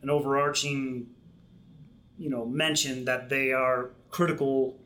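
A middle-aged man, a military program manager, explaining his work in a podcast interview with measured speech and frequent restarts. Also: mid-range voice, level tone, bright, forceful tone. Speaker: Marine Corps program manager, guest.

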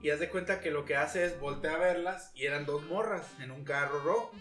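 A man's voice: fairly high pitch, brisk. A young man with a Mexican Spanish accent, co-hosting a casual chat and acting out his stories with lots of laughter. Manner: animated storyteller, acts out quotes, laughs often. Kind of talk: casual chat among friends. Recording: roomy sound with faint guitar music.

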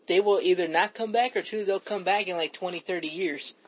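A man's voice: high-pitched, a little fast, rough recording. A man hosting a casual chat, rambling with frequent stammered restarts. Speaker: host.

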